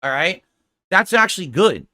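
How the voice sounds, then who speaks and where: Male gaming commentator ranting, sarcastic and profane, high voice. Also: sing-song, moderate pace, sharp tone. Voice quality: sarcastic, mocking. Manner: blunt, profane, exasperated. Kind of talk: sarcastic rant over gameplay.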